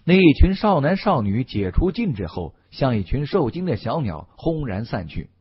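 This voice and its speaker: Husky lively male audiobook narrator. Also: mid-range voice, normal speed. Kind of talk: scripted novel narration. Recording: dull lo-fi audio.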